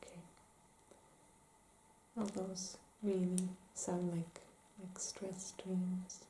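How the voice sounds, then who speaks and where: A woman playing a calm, gentle therapist in an ASMR role-play, asking careful, hesitant questions in soft-spoken ASMR style. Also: fairly low pitch, very slow. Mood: calm, attentive. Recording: roomy echo, faint background noise.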